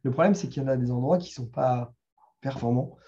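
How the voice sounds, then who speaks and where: A fast-talking, middle-aged man with a French accent gives a live talk with a screen demo at a developer meetup, conversational and full of fillers and restarts. His medium-pitched voice is mellow, but the recording is muffled.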